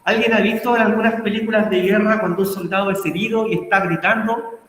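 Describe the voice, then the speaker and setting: A man's voice: high voice, steady tone, fast talker, fairly bright tone, slight background noise. A Chilean man teaching a philosophy class online, often checking in with the students and asking them questions. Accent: Chilean Spanish. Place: class video call. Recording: very echoey room with long reverb.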